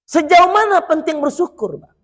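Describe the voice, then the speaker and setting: Man, preacher, sermon to children, animated, unfinished words for listeners, very high voice, long hall reverb. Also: normal speed. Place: Islamic boarding school.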